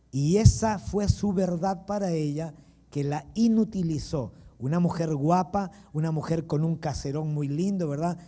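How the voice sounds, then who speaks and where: A male pastor, preaching through an animated personal story with chuckles and asides to the congregation. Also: on the high side. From Peru. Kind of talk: storytelling sermon.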